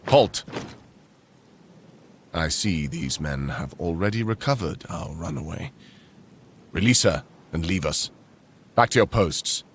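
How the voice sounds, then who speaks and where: In a boyfriend roleplay audio, a man plays a proud, possessive conqueror king who gives orders in a deep, gravelly voice. His phrasing is slow, formal and measured, yet his intonation stays lively, and the mood is urgent and commanding. Background noise can be heard.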